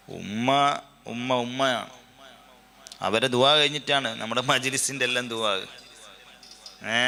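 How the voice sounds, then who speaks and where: A man's voice: medium pitch, pushed and bright. A man giving a sermon, asking many rhetorical questions. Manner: rhetorical questions, emphatic rises. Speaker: Islamic preacher.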